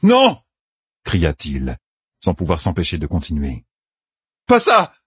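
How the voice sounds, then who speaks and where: A tormented young hero shouts out in a high, strained voice, as a male narrator voices him. The raspy audiobook read sits dry and close to the mic. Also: moderate pace, no echo, heavily acted. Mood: desperate. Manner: desperate shouting. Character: young man in anguish, captive hero.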